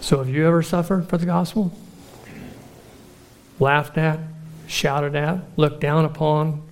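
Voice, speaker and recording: A man preaching a sermon in an earnest, measured way, slowing down for emphatic lists. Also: fairly high pitch, level tone, slight background noise.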